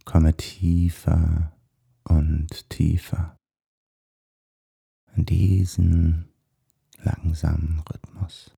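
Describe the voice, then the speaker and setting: A man with a soft, husky, breathy voice guides a meditation in a hushed, soothing manner, leaving long pauses. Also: a bass voice, little pitch movement. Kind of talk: guided meditation, body scan.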